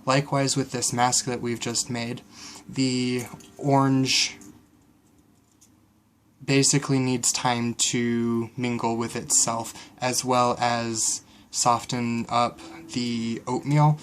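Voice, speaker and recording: A man's voice: mid-range voice, level tone, slow pace, slight background noise. A man casually explaining a kitchen home remedy step by step, with frequent fillers. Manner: explains steps conversationally with fillers. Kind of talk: casual how-to tutorial.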